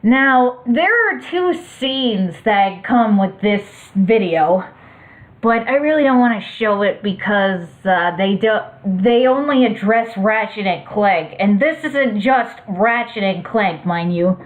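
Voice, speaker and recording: Woman, slow careful reading, stumbling and correcting herself, thin lo-fi sound. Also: medium pitch, expressive. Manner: halting, self-correcting, with asides. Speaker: fan fiction reader. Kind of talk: reading her own fan fiction aloud with character voices. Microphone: computer mic.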